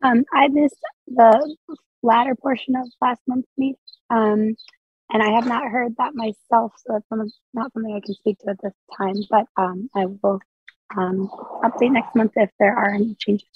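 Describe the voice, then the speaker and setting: A woman with a raspy voice, hoarse from laryngitis, giving a spoken report at a meeting as a committee member. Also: on the high side, steady tone, moderate pace, no echo, phone-quality sound. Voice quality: raspy, husky.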